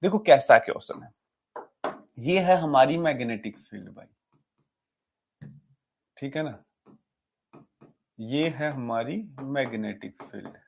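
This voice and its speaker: A man with a creaky, mid-range voice teaches a physics exam-prep lecture, lively and chatty yet taking it slowly and pausing often. He mixes in English terms and regularly questions his students, with slight background noise present.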